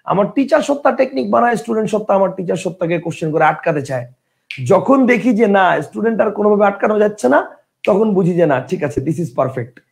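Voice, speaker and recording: A man, teaching a class and asking his students questions in a lively way. He says he is tired after a long day of teaching. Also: sits high, brisk, vocal fry. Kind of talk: classroom lecture.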